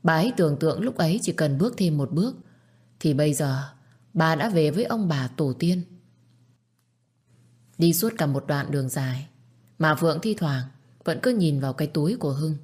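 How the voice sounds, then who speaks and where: Low-voiced woman reading a story. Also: expressive, normal speed, pauses often, a little mellow, breathy edge. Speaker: narrator. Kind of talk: storybook narration.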